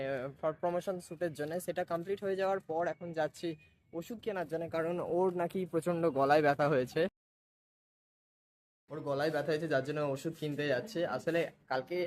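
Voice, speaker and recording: A man's voice: a little high, echoey room. A man talking casually to camera as a travel vlogger. He chats with his viewers as friends and mixes English words into his talk.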